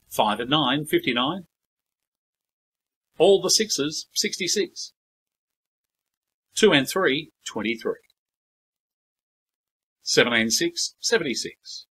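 A man's voice: fairly high pitch, fairly bright tone, breathy edge. A middle-aged man working as a bingo caller, reading out numbers digit by digit in a set pattern. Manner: formulaic digit-by-digit number calling.

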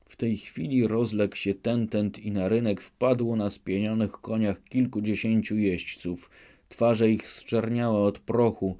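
A man narrates an audiobook in scripted, measured storytelling. His voice sits low and sounds dark and mellow, and he takes his time over every phrase.

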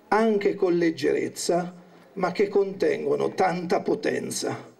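A man welcomes an audience with a formal, measured speech. His voice is high and gravelly. He speaks very slowly, pausing and restarting as he searches for words. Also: darkish tone. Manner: measured, halting, emotional thanks. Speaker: event organiser introducing a guest.

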